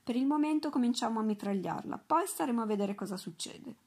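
A woman's voice: fairly high pitch, lively intonation, fast, breathy edge. A woman reading aloud voices a commanding male ship captain, calling out orders in a storybook. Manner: shouting orders over a storm.

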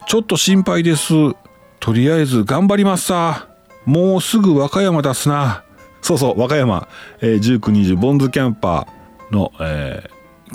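A man with a Kansai accent hosting a casual talk show, reading listener letters aloud and chatting about them with his own asides. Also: mid-range voice. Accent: Kansai Japanese. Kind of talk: casual chat.

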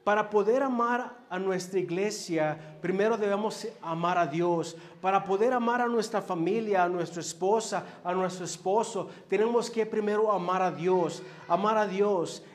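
A male preacher delivers his sermon at an unhurried, deliberate pace. His voice sits fairly high for a man, and he talks earnestly, leaning on filler words as he goes. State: dizzy.

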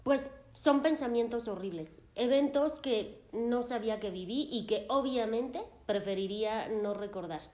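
A distraught grown man, halting and full of self-blame as he pours out his fears, as a woman puts him on. The voice sits fairly high and sounds mellow in tone, carried in a roomy, echoing space. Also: natural voice. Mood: distressed. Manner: anguished, self-blaming, halting. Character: distraught grown man, an anxious therapy patient.

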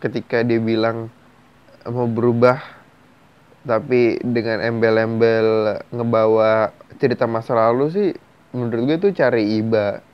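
A man's voice: mid-range voice, steady tone, unhurried, pauses often, smooth. Blunt man giving casual advice. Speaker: host reading and answering viewers' stories. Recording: slightly dull lo-fi recording.

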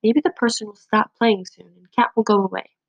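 A woman's voice: mid-range voice, steady tone, brisk, vocal fry, dry recording, lo-fi sound. A woman reading a storybook aloud, voicing a small, timid but eager boy mouse with a pleading manner. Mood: hushed. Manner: pleading, hopeful.

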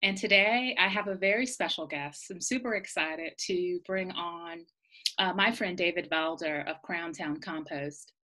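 A woman's voice: lowish voice, measured pace, sharp tone. A woman hosting a podcast, chatting casually with fillers and introducing her guest. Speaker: podcast host.

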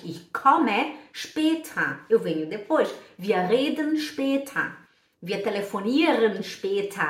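A woman teaching German in a casual online lesson, chatty, repeating words slowly to model pronunciation. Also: medium pitch, distant mic. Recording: echoey room, voice a bit off-mic.

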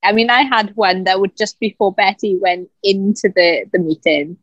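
A woman's voice: medium pitch, steady tone, moderate pace, no echo, dull audio. Giggly woman chatting on a podcast. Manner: giggly, reads out quotes from notes. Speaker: podcast co-host. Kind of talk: casual chat.

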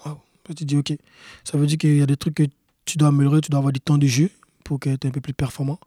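A man's voice: a little high, flat delivery, quick pace, mellow, breathy edge, dry recording, studio quality. A young man, a professional soccer player, talking casually in an interview and repeating his key points earnestly. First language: not English. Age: young adult. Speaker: guest, pro soccer player.

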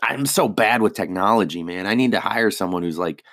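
Comedian guy rambling and cursing, kinda low voice, dead dry sound. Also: fairly quick, a bit bright, no echo. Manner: rambling, profane, self-deprecating. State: hiccups. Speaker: stand-up comedian. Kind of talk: casual solo podcast chat.

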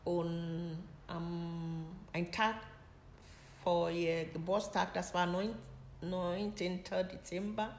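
A middle-aged woman from Ghana, a mother telling a personal story in halting, broken German full of pauses and fillers. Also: lowish voice, little pitch movement. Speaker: interviewee, mother of the host. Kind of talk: personal story told in conversation. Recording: roomy echo with faint noise.

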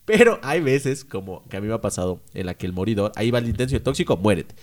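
A young man chats on a podcast, his pitch bouncing up and down a lot. He talks in slang and swears freely while he tells stories about his relationships. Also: big pitch swings, fast talker. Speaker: podcast co-host. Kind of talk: casual chat.

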